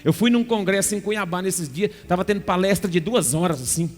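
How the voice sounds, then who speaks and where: High-voiced pastor preaching in a hall. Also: male voice, a little fast. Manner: animated storytelling, acting out dialogue. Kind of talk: sermon with personal testimony. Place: large church sanctuary. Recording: music under a long church reverb.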